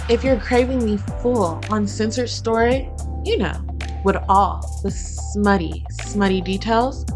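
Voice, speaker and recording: A podcast host with a mid-range voice narrates a first-person romance story. She plays it flirty, expressive and dramatic.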